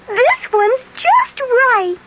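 Grown up goldilocks for an old radio ad, super high cutesy perky voice, kinda muffled. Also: female voice, wildly swooping pitch, very slow, very noisy, heavily acted. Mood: squealing, exaggerated. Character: grown-up Goldilocks, girlish, perky storybook taste tester. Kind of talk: 1970s radio commercial character acting. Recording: dull vintage radio recording.

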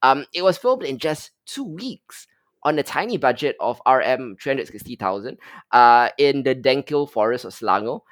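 A man with a middle-pitched voice lays out a film's premise in a measured way, often pausing on "um" between phrases. The sound is dry and close. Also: lively intonation, fairly bright tone, no room sound. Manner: measured, summarizing with frequent "um". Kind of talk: film review summary.

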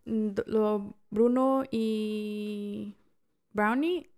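A woman's voice: mid-range voice, fairly even intonation, extremely slow, a little mellow. A woman with a Chicano accent chatting casually, moving back and forth between Spanish and English.

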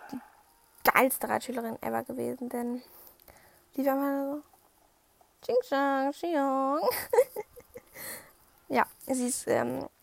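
A woman's voice: a little high, creaky, dry recording. Chatty young woman retelling a stable story. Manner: chatty, acts out quoted dialogue, many fillers. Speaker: riding instructor telling a story. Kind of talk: casual storytelling vlog.

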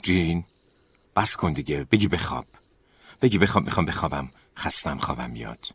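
Male narrator playing an irritable young woman student, voice pushed higher, snappy, crickets behind. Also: expressive, background noise. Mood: irritated pleading. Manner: pitched up, pleading and snappish. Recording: crickets chirping in the background.

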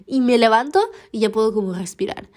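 A woman from Yucatán with a Mexican accent, hosting a podcast in rambling, animated casual chat while congested with a stuffy nose. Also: on the high side, a little fast. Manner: animated, rambling, dramatic complaints. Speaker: podcast host.

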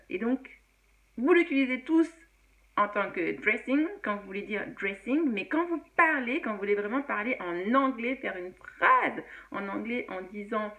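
A woman's voice: mid-range voice, animated, a little slow, vocal fry, sharp tone. A woman teaching English in a casual video lesson, chatty with many fillers and frequent laughs.

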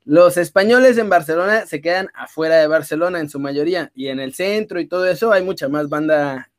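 A Mexican man with a fairly high-pitched voice talks football in relaxed, rambling chat. He keeps circling back with fillers as he explains himself, easygoing and conversational. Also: a little fast. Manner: chatty, filler-heavy with frequent "o sea". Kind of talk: casual sports chat.

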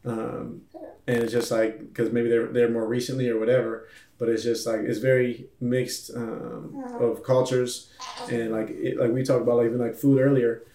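A man's voice: mid-range voice, level tone, normal speed, mellow, recorded from a distance. A man guest in a casual conversation, laid-back and rambling with lots of fillers. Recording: echoey room, off-mic.

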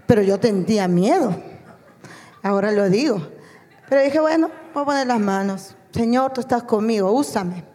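Woman, church testimony, earnest, emotional, mellow tone, long hall reverb. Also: a little high, animated, normal speed. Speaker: mission trip member giving testimony.

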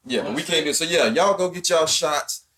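A man co-hosting a podcast in casual chat, relaxed and slangy, talking straight to the listeners. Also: fairly high pitch, normal speed, noisy background. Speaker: podcast co-host.

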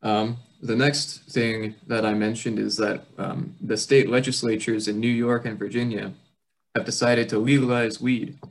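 A young man co-hosting a political chat podcast. His voice sits fairly low, and he speaks in a measured, thoughtful way, often pausing on "um" as he introduces each topic. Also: level tone, low-quality recording. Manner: measured, steers the topics, frequent "um". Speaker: podcast co-host.

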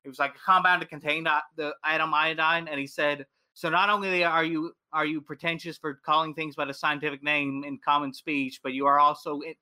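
A young man chats about memes with friends, rambling and swearing freely. His voice is bright and ringing, smooth and clean. He keeps the talk loose and joking. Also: a little high, flat delivery, a little fast, hardly any pauses. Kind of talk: casual podcast chat about memes.

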